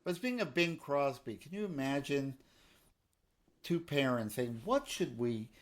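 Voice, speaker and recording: Talking music on a laid-back podcast he co-hosts, this middle-aged pianist and songwriter from New York is jokey and playful, now and then humming. His voice is medium-pitched and animated, and his pace is measured.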